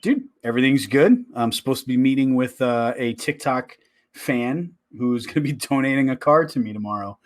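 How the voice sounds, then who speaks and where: Male co-host, medium pitch, casual banter, quick to laugh. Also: expressive. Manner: laughs often, loose and jokey. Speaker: podcast co-host. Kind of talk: casual chat.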